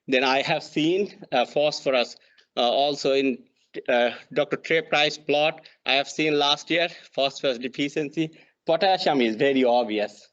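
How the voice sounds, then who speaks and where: A man's voice: medium pitch, normal speed, fairly bright tone, dull audio. A man in his thirties from Bangladesh with a Bangladeshi accent, giving an extension talk on crop management over slides, with frequent fillers and restarts. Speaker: extension soil fertility specialist.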